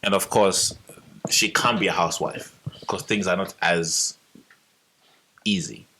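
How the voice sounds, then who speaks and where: A young man co-hosting a podcast, explaining points in a calm, measured casual chat. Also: sits low. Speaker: podcast co-host. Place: podcast studio.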